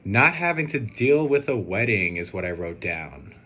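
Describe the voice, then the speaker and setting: A young groom-to-be records a casual video answering questions, his delivery earnest, hesitant and rambling. His lowish voice is slightly rough and moves at a moderate pace, over steady background noise.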